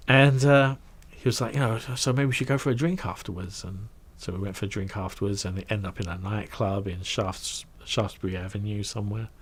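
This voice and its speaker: Man telling a lively anecdote. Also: fairly low pitch, a little fast, few pauses. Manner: animated, acts out quoted voices, trails off into asides. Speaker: guest recounting his career. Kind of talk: casual anecdotal storytelling.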